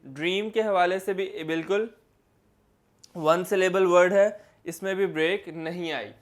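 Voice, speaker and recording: Young male teacher, a touch high-voiced, patient repetitive lecture delivery. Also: fairly even intonation, unhurried. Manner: explains step by step, repeats key words. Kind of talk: classroom lecture.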